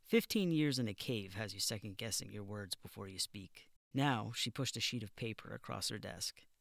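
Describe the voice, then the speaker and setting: A man narrating a first-person audiobook in a measured, wry, deadpan way. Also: fairly low pitch, gravelly, dry recording, studio quality.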